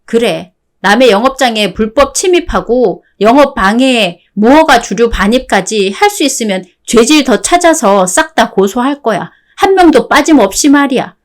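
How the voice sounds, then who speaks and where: A synthetic woman's voice playing a fed-up wife, calm, sarcastic, firm, radio-drama style, slightly high voice. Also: normal speed, lightly acted. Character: fed-up wife, cool and cutting.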